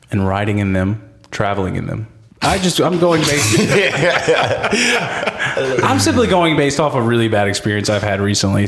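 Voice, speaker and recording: A man's voice: medium pitch, a bit bright. A man co-hosting a podcast, ranting with emphasis and plenty of swearing in casual chat. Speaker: podcast co-host.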